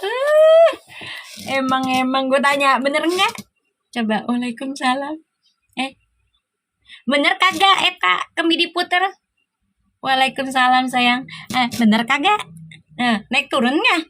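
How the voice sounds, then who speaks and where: A woman with a Sundanese-flavored Jakarta accent chats with her live-stream viewers. Her voice sits high and sounds bright. She teases them playfully and laughs often. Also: expressive, unhurried, long pauses. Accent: Sundanese-flavored Jakarta Indonesian. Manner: teasing, laughing, playful banter. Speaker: live-stream tarot host.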